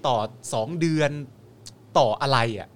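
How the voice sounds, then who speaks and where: A man's voice: medium pitch, a little slow. A man co-hosting a casual talk show, chatting colloquially, asking questions and repeating phrases for emphasis. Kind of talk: casual chat and commentary.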